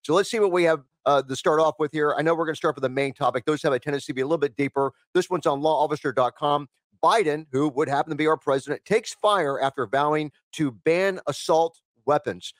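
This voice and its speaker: A man's voice: on the high side, quick pace, dry recording. A man hosting a live talk radio show, reading news items aloud and rambling with lots of fillers. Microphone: studio microphone.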